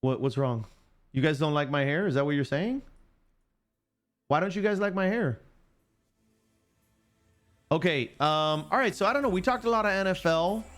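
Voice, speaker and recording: A man's voice: on the high side, expressive, brisk, a bit bright. A man hosting a casual live sports stream, chatting and joking with viewers and reading chat aloud. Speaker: livestream sports show host.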